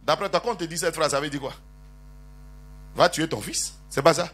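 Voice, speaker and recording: In an animated sermon, a bishop whose voice sits on the high side speaks at a moderate pace, calling for the congregation's amens. He teases them with jokes and rises to loud prophetic declarations, using call-and-response.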